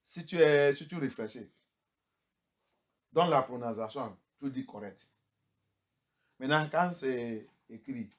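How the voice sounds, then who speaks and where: A male pastor preaching, who moves between English and French and fires rhetorical questions at the congregation. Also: medium pitch. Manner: switches between English and French, rising to shouts. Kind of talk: sermon.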